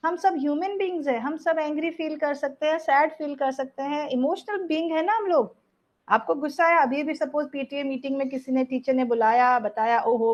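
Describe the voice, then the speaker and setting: A woman leading a parenting workshop, mixing Hindi and English and often asking "right?". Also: sits high. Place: workshop room with an audience. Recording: dull lo-fi recording.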